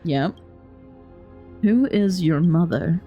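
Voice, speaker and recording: Low-ish, unhurried woman gaming streamer. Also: expressive, mellow, muffled recording, faint music behind. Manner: musing aloud, informal. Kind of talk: casual let's play commentary.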